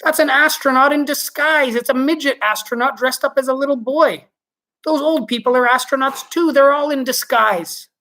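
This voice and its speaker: A short-tempered mission controller barks orders and scolds in a high, loud voice, as a man reads it. He is bossy and impatient. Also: normal speed, full character voice. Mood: scornful. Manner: snapping, shouting orders.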